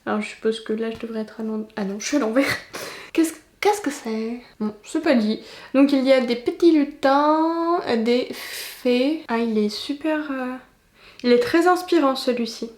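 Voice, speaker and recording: Woman, 20s, high voice, chatty unboxing vlogger, roomy echo. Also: normal speed, darkish tone. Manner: chatty and enthusiastic, many exclamations. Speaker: booktuber. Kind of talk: casual unboxing chat.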